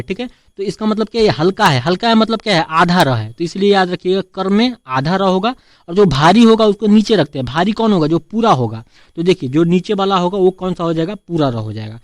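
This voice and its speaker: High-pitched man teaching Hindi spelling. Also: no echo, studio quality. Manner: repetitive teaching, asks and answers his own questions; addresses viewers as friends, frequent "theek hai". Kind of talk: Hindi spelling lesson at a board.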